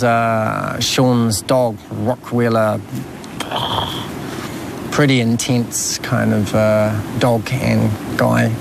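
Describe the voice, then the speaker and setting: Gravelly slow kiwi man, thinking back, traffic sounds around. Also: mid-range voice. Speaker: interviewee. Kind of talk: documentary interview recollection. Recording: clear ambient traffic noise.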